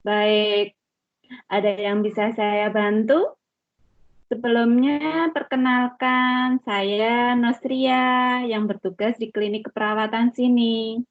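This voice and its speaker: Woman acting as reassuring clinic nurse, polite customer service greeting, slow talker, muffled lo-fi student roleplay. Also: on the high side, dry recording. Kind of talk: amateur student role-play. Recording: dull lo-fi sound.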